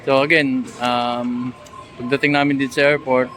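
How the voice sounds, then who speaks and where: A man's voice: medium pitch, level tone, moderate pace, fairly bright tone. A man with a Filipino accent chatting casually and playfully as he vlogs on a walk through an airport terminal. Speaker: travel vlogger. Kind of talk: casual walking vlog chat. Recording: faint airport background noise.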